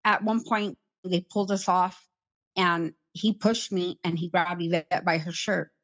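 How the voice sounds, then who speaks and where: A middle-aged woman recounting her past in an interview, in a plain, halting way with many "like" fillers. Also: on the low side, steady tone, fairly bright tone, muffled recording. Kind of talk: personal account in conversation.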